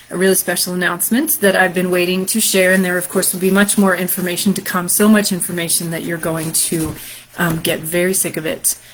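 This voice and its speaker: A woman host and storyteller with a deep, sultry voice, chatting casually on a live stream in a rambling way. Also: slight background noise, rough recording. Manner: chatty and rambling, many fillers.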